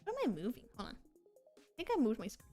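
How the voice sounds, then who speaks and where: A woman's voice: a little high, very animated, a little fast, warm tone, breathy edge, soft background music. A young woman streamer chatting casually and telling rambling, giggly stories. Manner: rambling and giggly, with frequent laughs and filler words. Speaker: VTuber streamer. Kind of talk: casual chat stream, storytelling.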